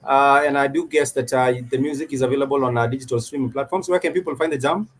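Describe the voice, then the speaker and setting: Halting Kenyan-accented man hosting an interview. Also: mid-range voice, fairly even intonation. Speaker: radio show host, interviewer. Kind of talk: live music interview.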